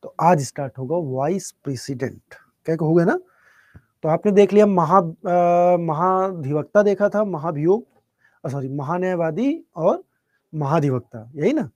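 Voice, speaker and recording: Soft-spoken man teaching a calm online class. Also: a little high, unhurried, no echo, studio quality. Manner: reads out student chat questions and answers them. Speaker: online exam-prep teacher. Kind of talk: live online class, chatting with students.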